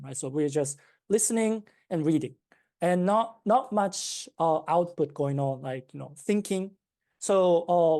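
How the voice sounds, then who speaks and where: In her thirties, this Japanese-accented woman talks through her ideas as a guest on an interview, hesitating and restarting her sentences often. She is a startup founder whose low voice comes across soft and mellow.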